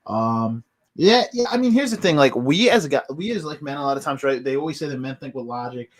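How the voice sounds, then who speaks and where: A man with a mid-range voice co-hosts a casual podcast at a quick pace. He sounds earnest and reflective as he weighs ideas with his partner. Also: mid-range voice, expressive. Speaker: podcast co-host. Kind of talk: casual chat.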